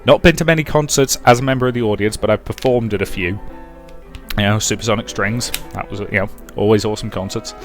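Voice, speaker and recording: Talking fast in a low, steady voice, a man narrates his visual novel playthrough, reading the text and wandering into offhand commentary. Soft background music is audible.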